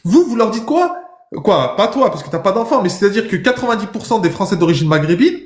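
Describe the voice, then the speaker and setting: A man's voice: sits high, very animated, fairly quick, roomy sound. A middle-aged French man hosting a live stream, pressing his guest with emphatic, insistent questions. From France. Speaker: TikTok live host. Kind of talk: heated live-stream debate.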